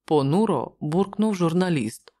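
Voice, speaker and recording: Woman narrator, audiobook reading, low-ish voice, animated intonation. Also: unhurried. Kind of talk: scripted narration.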